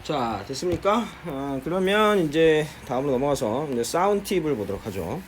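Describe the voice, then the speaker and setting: A man's voice: on the high side, moderate pace, a little hiss or hum. A man teaching a middle school English lesson, explaining textbook listening in a classroom style, often starting sentences with "자". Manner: lively, repeats "자" often, explains in Korean.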